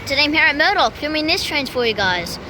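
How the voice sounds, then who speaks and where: A woman's voice: high voice, big pitch swings, fast. A woman giving train-spotting vlog commentary on a train platform, calling arrivals and departures like an announcer with casual asides. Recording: loud train and platform noise. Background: trains, vehicles, outdoor station ambience.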